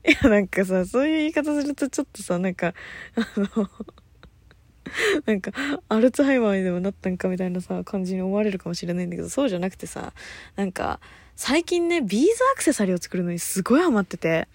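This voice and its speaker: A woman's voice: quick pace, no echo. A woman hosting her own talk radio show, chatting casually on her own, often losing her thread. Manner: rambling, loses her thread, laughs often; high-energy, lively talker. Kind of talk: casual solo chat.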